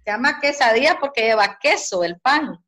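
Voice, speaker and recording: A woman from Zacapa with an eastern Guatemalan accent and a sing-song, expressive way of talking, a guest in an interview. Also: on the high side, moderate pace. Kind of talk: casual interview.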